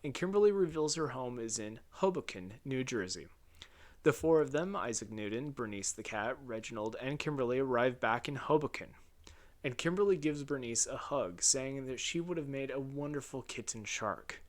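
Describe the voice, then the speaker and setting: A man's voice: mid-range voice, expressive, normal speed. A man reading his own video essay script raw and unedited, casual and wry, swearing and restarting flubbed lines.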